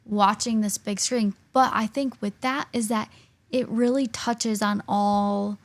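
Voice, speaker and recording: A woman's voice: medium pitch, fairly even intonation, unhurried. A woman in her early twenties co-hosting a podcast, talking in a chatty, thoughtful way with many fillers. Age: early 20s. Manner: chatty, thoughtful, uses "literally" and "like" often. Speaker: podcast co-host. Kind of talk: casual chat.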